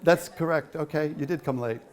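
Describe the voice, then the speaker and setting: A man gives a loose, chatty talk at a quilt show and fields questions from the audience. His voice sits a little high for a man, and he fills his pauses with plenty of uh's as he wanders between stories. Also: noisy background. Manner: chatty, rambling, many fillers. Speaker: featured speaker at a quilt show. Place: hall.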